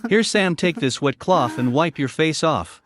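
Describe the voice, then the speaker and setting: An actor playing a no-nonsense police sergeant who speaks firmly and takes command. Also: male voice, a little high, animated, a little slow, fairly bright tone, dry recording, clean studio sound, soft background music. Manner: firm, commanding.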